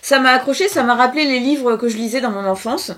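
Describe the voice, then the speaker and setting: A woman's voice: high voice, quick pace, fairly bright tone. A woman presenting a children's book in a casual review, chatty and hesitant, with many fillers.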